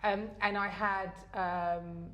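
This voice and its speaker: Speaking slowly and flatly, this podcast co-host, a middle-aged woman from southern England, chats and tells stories with plenty of fillers and false starts. Her mid-range voice sounds pushed and bright, and the recording is lo-fi.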